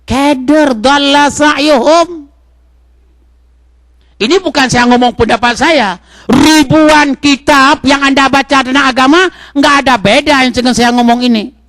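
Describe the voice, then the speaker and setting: High-voiced man preaching animatedly. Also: normal speed, no echo. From Indonesia. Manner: animated, swings from loud exhortation to soft asides; talks straight to the congregation with questions. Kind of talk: sermon. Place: mosque.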